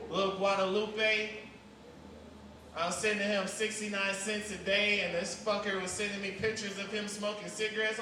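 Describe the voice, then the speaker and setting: A man performing a stand-up comedy set on stage, rambling loosely between bursts of loud emphasis. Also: sits high. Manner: loose, rambling delivery with sudden loud outbursts. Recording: roomy, distant live club recording with noise.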